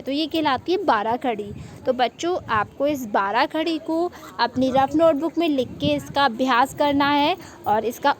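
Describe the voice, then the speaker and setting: High-voiced patient teacher woman. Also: a little hiss or hum. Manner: patient, repeats each step. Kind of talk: slow classroom lesson for small children.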